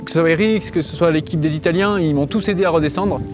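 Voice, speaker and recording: A man's voice: fairly high pitch, fast talker, over music. A man, a mountaineer, speaking to the camera in a reflective, grateful way with hesitations. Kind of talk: testimony to camera.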